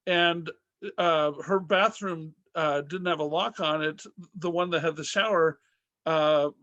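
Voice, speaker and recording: A man's voice: a little high, a bit bright, dry recording. A man hosting a comedy podcast, telling a rambling story and asking questions, full of fillers and laughs. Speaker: podcast host and comic. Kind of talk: casual interview chat.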